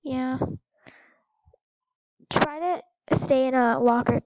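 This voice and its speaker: Female game host, high pitch, excitable, coaching a friend; dry close recording. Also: slow pace, no room sound, low-quality recording. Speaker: gameplay video host. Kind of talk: casual gameplay chat.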